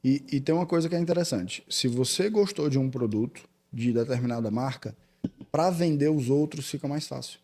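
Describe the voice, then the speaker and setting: Gravelly-voiced Brazilian man, relaxed. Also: mid-range voice, fairly quick. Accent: Brazilian Portuguese. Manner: relaxed, explanatory, addresses listener as "cara". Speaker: guest, sales director. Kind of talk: casual conversation.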